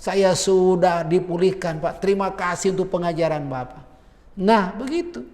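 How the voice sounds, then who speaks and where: A man's voice: sits high, moderate pace, darkish tone, big-room sound. A man preaching a sermon as pastor, mixing earnest exhortation with casual, conversational asides.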